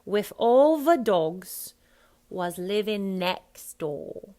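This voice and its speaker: A woman's voice: sits high, expressive, unhurried, fairly bright tone, pitched above the performer's own voice. A woman voicing a dim, jolly Cockney henchman, a grown man, with an exaggerated accent. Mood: broad, jolly.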